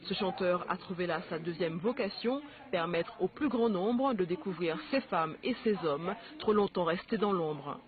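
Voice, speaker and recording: A reporter reading a scripted news piece in a steady voice. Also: mid-range voice, moderate pace, hardly any pauses. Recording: phone-like audio with crowd behind.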